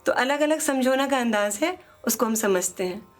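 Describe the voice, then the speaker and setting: A woman teaching a song, explaining quickly in speech and singing phrases slowly to demonstrate. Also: on the high side, animated, soft background music.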